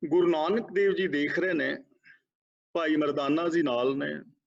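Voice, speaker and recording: A man's voice: fairly high pitch, steady tone, vocal fry. Man preaching, slightly muffled. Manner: slow, deliberate recitation of verses. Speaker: Sikh preacher. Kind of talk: sermon explaining scripture.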